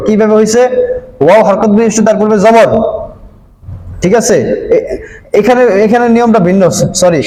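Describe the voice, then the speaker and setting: A man teaching a grammar lesson, explaining each step and often checking in with his listeners, drawing out example words slowly. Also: high voice, mellow, roomy sound, slight background noise, low-quality recording.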